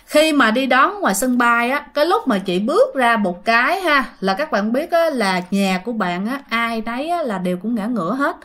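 A woman narrates a ghost story in a relaxed, conversational manner. Her voice sits a little high, and she keeps speaking straight to her listeners, filling her phrases with small spoken fillers. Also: normal speed, hardly any pauses. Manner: chatty, addresses listeners directly, many fillers.

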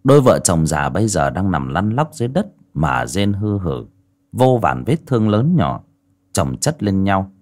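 A man narrating an audiobook story in an expressive storytelling manner. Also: deep voice, normal speed.

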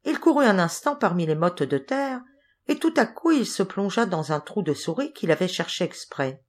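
A woman reading a fairy tale aloud as an audiobook, expressive and measured. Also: on the low side. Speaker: audiobook reader. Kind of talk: storybook narration.

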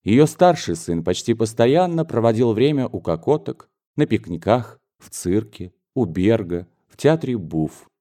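A man narrating an audiobook of a classic novel in an expressive, measured way. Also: lowish voice. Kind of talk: scripted narration.

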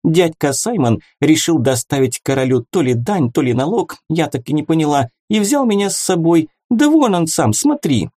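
A man voicing a squeaky, chattering fairy girl. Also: no room sound, clean studio sound. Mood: excited chatter. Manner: rapid, excitable, squeaky. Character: chattering bubbly female fairy, pouty and cheeky.

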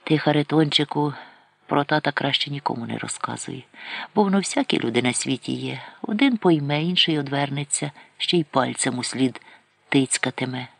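A man voicing a pious, cautious old grandmother giving soft instruction. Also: medium pitch, expressive, moderate pace, creaky, no room sound. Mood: instructive.

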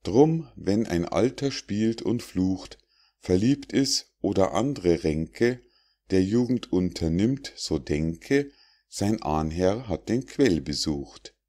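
A man narrating rhymed fables as an audiobook reader, in a measured, recitative verse delivery. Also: low-pitched, animated, dark tone.

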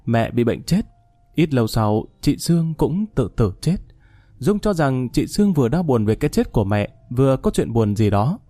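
A man narrating a story aloud in a steady, measured reading. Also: medium pitch, no room sound. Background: faint music.

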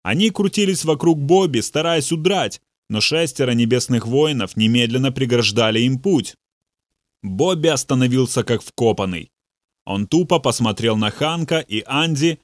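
A man narrating an audiobook in a measured, steady storytelling voice. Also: medium pitch, no echo, studio quality. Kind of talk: audiobook reading.

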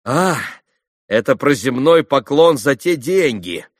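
A man reading an audiobook, voicing a proud, volatile young noblewoman who bursts into sharp, hysterical outcries. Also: medium pitch, animated, moderate pace, no echo, clean studio sound, voice pushed up. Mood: bitter. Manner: sharp, hysterical outbursts and urgent whispers.

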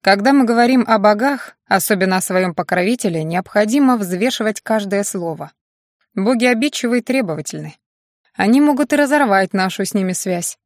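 A woman voicing a dignified, weary male magister who lectures his students in a measured way. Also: medium pitch, animated, no room sound, studio quality, lightly acted.

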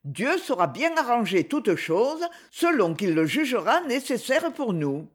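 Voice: medium pitch, big pitch swings, measured pace, pitched above the performer's own voice. A narrator voicing a proud young woman who answers with firm, scornful defiance.

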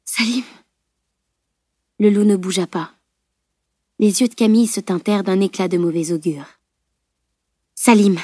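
A woman narrating an audiobook in an even, measured storytelling manner. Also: medium pitch, dry recording, clean studio sound.

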